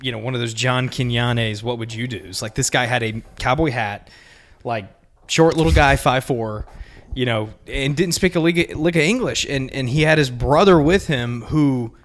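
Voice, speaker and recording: A man in his twenties, a podcast co-host, telling a story in a rambling, animated way full of filler. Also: medium pitch, normal speed. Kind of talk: casual storytelling among friends.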